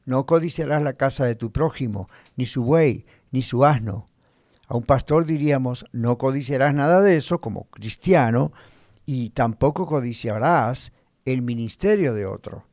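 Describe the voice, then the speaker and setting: A man delivers a sermon in a measured teaching voice, pausing to pose rhetorical questions to the congregation. His pitch sits in an ordinary middle register. The sound is dry and close, with no room echo. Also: a little mellow. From Spanish-speaking, living in the United States. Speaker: pastor.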